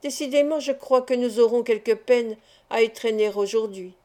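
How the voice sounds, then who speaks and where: A woman's voice: on the high side, normal speed, mellow, natural voice. A woman voicing a clever small male street acrobat who speaks in a teasing, sententious way.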